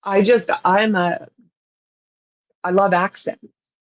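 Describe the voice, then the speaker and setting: On a livestream, a Canadian woman chats casually with viewers, rambling and laughing often. Her mid-range voice keeps fairly even intonation and moves slowly. The sound is lo-fi with no echo.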